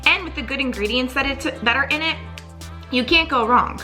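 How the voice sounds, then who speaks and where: A woman's voice: high voice, normal speed, sharp tone, faint music behind. A young woman chatting casually in a product review vlog, upbeat and full of "like" fillers. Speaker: vlogger.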